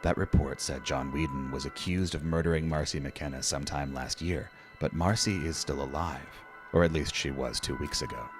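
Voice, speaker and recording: A hushed eldritch inspector, with his words kept low and slow, as a man puts him on. Deep and subdued, with a faint music bed underneath. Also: fairly even intonation. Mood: quiet, troubled. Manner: low, murmured, measured. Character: quiet, brooding otherworldly male inspector.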